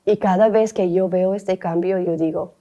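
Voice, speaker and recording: Mellow-voiced woman co-hosting a faith chat. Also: lowish voice, fairly even intonation, dull audio. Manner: warm-hearted, candid, quick to laugh. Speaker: co-host.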